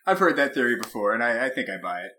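A man's voice: mid-range voice, sing-song, fast talker, sharp tone. A man co-hosting a casual film-review podcast, chatty and laughing often as he talks. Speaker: podcast co-host. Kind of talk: casual chat.

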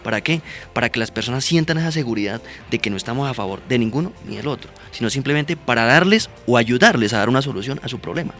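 Policeman explaining mediation on radio, steady earnest voice, faint music under it. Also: medium pitch, fast. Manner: earnest, explanatory, frequent "¿verdad?" and "¿sí?" tags. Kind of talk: radio interview answers.

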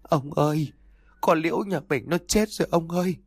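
A man's voice: on the high side, animated, normal speed, creaky, husky, no room sound, clean studio sound, voice pushed up, heavily acted. A man voicing a distraught older village mother who is weeping and pleading, in a narrated story. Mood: wailing. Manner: wailing, pleading.

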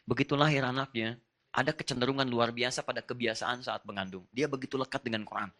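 A male preacher delivering a sermon to a congregation. His voice sits at an ordinary middle pitch, and he builds energy as he tells personal stories, voicing the people in them. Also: fast. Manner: animated storytelling, acts out dialogue. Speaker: Islamic preacher.

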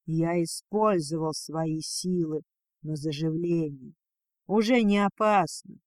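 A man's voice: sits high, takes it slowly, dry recording, studio quality. A man voicing a stern, possessive male dragon lord who speaks coldly and curtly in a storybook reading. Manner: cold, curt, clipped.

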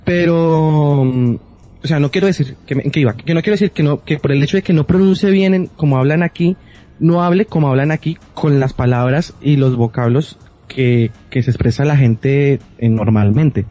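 A man's voice: fairly high pitch, moderate pace, warm tone. A man from Colombia with a Colombian accent, rambling and correcting himself as he explains things in a casual podcast chat. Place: Madrid.

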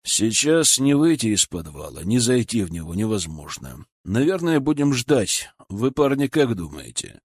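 A man's voice: fairly low pitch, big pitch swings, moderate pace, few pauses, husky, no echo, studio quality. A man reading the lines of an ironic, wry grown man. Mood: hesitant. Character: ironic grown man, joking then weighing choices.

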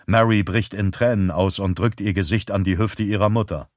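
Man, audiobook narration, low voice, dry close sound. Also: steady tone, moderate pace, a little mellow, dry recording. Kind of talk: scripted narration.

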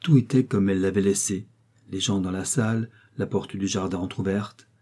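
A man narrating a classic novel as an audiobook, in a steady, measured reading. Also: deep voice. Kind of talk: scripted narration.

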